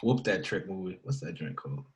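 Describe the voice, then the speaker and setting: A man's voice: sits low, lively intonation, fairly quick, poor audio. A man co-hosting a podcast in casual chat, talking thoughtfully and often trailing off or restarting his thoughts. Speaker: podcast co-host.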